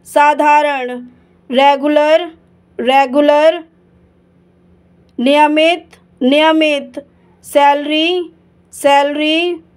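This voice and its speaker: A woman reading a vocabulary list as a teacher, saying each word twice, slowly and evenly. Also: high-pitched. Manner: slow, measured, repetitive word-by-word reading.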